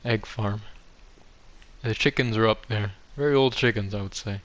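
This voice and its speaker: Music plays behind a young adult man, a gaming video host, as he casually rambles through a game tour and jokes at his own expense. He talks at a normal speed in a lowish, slightly bright voice.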